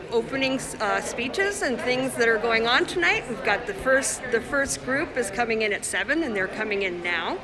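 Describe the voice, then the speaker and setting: A woman's voice: a little high, poor audio. A woman from the Congo, an artist giving a casual livestream tour of her exhibition, chatting as she walks through an indoor gallery on her phone. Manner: chatty, showing work while walking around. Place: indoor art gallery at a busy opening. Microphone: handheld phone livestream. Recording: crowd chatter behind, phone mic. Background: gallery crowd chatter.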